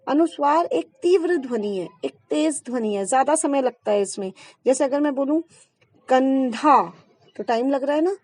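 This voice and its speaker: Woman, teacher, high voice, dry close sound, patient step-by-step explanations. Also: darkish tone, no echo. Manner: patient, explains step by step with examples and checks "ठीक". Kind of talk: Hindi grammar lesson.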